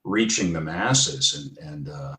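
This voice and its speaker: A man, a guest playwright, telling animated stories in a casual podcast chat and laughing often. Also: on the low side, a little slow, gravelly. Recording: roomy echo.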